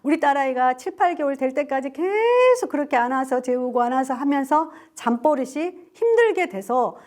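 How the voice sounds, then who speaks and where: An older Korean woman lecturer, telling a parenting story to camera in a lively, animated way with asides to the listener. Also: high voice. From South Korea.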